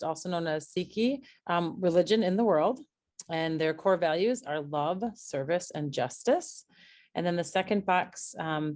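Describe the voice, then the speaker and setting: A woman on a video call, reading slide text aloud to the group in a careful, slightly halting way. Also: on the low side, darkish tone. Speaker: workshop participant.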